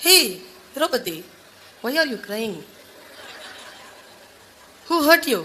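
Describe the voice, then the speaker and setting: A woman voicing the god Krishna, calm, low and commanding. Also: drawn-out words, a little hiss or hum, full character voice. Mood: soothing.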